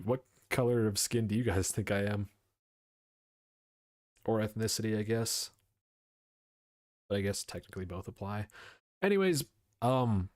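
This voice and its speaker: Rambling loosely on his live stream, a young man answers chat and lets the occasional swear word slip. He speaks in a fairly low voice. It's a dry, close recording without any surrounding room.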